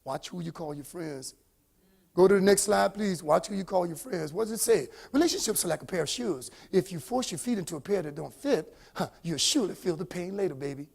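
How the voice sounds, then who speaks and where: Motivational speaker, middle-aged man, high gravelly voice, call-and-response preacher energy. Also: animated, fast talker, few pauses. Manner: call-and-response, preachy, swings from hushed to shouting. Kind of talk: motivational talk to a live audience.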